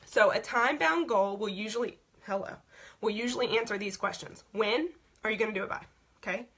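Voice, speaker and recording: A young woman talks her team through goal-setting, blunt and chatty, tacking "okay?" onto her points. Her voice is bright but husky and wearing hoarse. She sounds like a leader coaching people she knows. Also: mid-range voice, a little fast. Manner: frank, repeats "okay?" often. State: voice going hoarse. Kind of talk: casual instructional talk.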